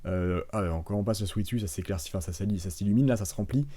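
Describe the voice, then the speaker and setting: A man's voice: low-pitched, rapid-fire, mellow. A young man, a graphic designer, giving a casual and chatty critique of viewers' brand websites, full of fillers and restarts. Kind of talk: casual screen-share critique.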